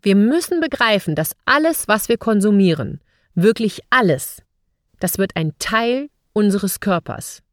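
A woman's voice: medium pitch, expressive, measured pace, dry recording, studio quality. A woman hosting a podcast, speaking straight to the listener in a scripted monologue full of rhetorical questions. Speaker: podcast host.

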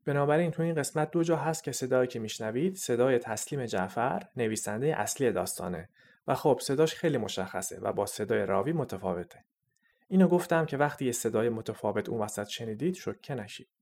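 A man's voice: medium pitch, lively intonation, vocal fry, a little mellow, slight background noise. A man hosting a storytelling podcast, explaining the episode to listeners in a friendly, explanatory way. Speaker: podcast host. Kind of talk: scripted podcast introduction.

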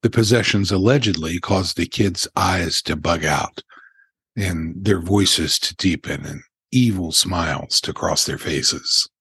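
An older man who hosts a paranormal podcast, telling stories in an unhurried way with asides, in a very deep gravelly voice. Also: fairly bright tone, no echo. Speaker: podcast host. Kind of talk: paranormal countdown narration.

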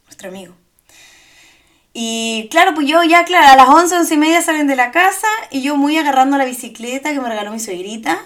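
A young woman with a Chilean accent and a high, light voice. She tells stories in casual chat, loose and slangy, and keeps laughing along the way. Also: fairly quick, few pauses. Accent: Chilean Spanish. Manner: lively storytelling with slang and laughs. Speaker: podcast co-host.

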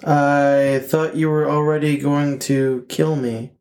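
A man voices a nervous, flustered husband answering the door to trouble. Trying to sound tough, he keeps faltering, stammering through ums and restarts in a slightly high, darkish voice that moves little in pitch and comes out slowly.

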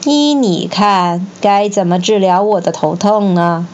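A woman's voice: medium pitch, unhurried, darkish tone, dull audio, lightly acted. A woman voicing a suspicious, wrathful male warlord who roars his accusations in a children's story reading. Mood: cold. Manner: roaring accusations.

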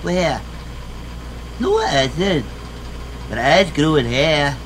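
Man acting simple earnest cleaner, higher voice, slow delivery, comedy drama, faint ambience. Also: expressive, background noise. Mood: excited, naive.

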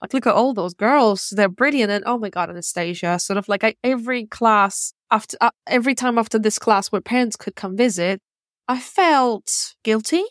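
A woman's voice: a little high, normal speed, dry recording, clean studio sound. Woman in her thirties, candid podcast monologue. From Ukraine, grew up in Russia. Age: 30s. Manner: candid, musing, with frequent fillers and restarts. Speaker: podcast host. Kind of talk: reflective personal monologue.

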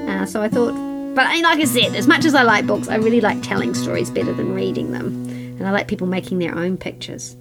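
High-voiced New Zealand woman telling children stories. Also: fast talker. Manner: expressive, repeats words for emphasis, asks listeners questions. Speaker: children's storyteller and podcast host. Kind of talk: conversational oral storytelling for children. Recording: prominent guitar music under speech. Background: guitar music.

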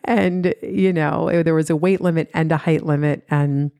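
A woman's voice: low-pitched, fairly even intonation, normal speed, mellow, no room sound. A woman in her forties hosting a motivational podcast, talking earnestly and repeating her key points for emphasis. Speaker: podcast host.

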